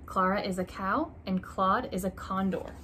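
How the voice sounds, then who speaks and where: A young woman reads an alphabet picture book for children in a small indoor room near a curtained window, going slow and deliberate and emphasizing each opening letter. Her medium-pitched voice has a sharp tone and fairly even intonation, captured up close on a phone or laptop over a faint hum of room ambience.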